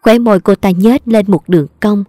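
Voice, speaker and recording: A woman with a Southern Vietnamese accent narrating a family drama story in a steady, even way. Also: mid-range voice, normal speed, dry recording, clean studio sound.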